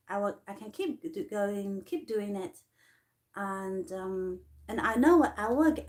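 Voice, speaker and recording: A woman with a Chinese accent, a non-native English speaker, telling her life story in a personal vlog, halting and full of fillers and restarts. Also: mid-range voice, a little mellow. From China. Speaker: artist vlogger.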